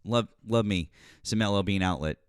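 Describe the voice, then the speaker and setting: A man's voice: lowish voice, moderate pace, clear, resonant tone, dry recording, studio quality. A man hosting a live stream, chatting casually and often repeating words as he searches for them. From northeastern United States.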